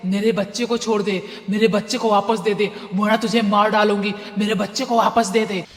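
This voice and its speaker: A woman voicing a vengeful female ghost who shouts threats, demanding her child back. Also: medium pitch, little pitch movement, normal speed, reverberant, long reverb tail, soft background music, close to an everyday voice. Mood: menacing.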